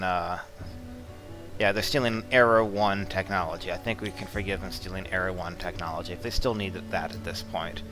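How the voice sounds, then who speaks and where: A man giving relaxed, blunt commentary while walking through a strategy game, with mildly profane asides. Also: low-pitched. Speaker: strategy game guide presenter. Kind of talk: casual gameplay commentary.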